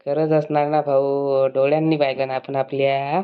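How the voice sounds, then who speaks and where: A woman's voice: extremely low pitch, flat delivery, normal speed, clean tone, narrow, tinny audio. A woman voicing a sly, wheedling village schoolboy in a cartoon. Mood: sly teasing. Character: Pappya, sly village schoolboy, pleading and cheeky.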